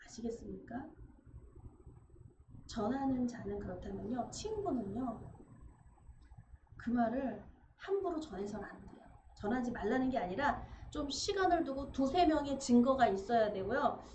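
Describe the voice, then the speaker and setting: A woman pastor preaching a sermon in an animated way, acting out quoted conversations. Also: a little high, normal speed, pauses often. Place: church sanctuary. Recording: echoey church room, dull sound, faint noise.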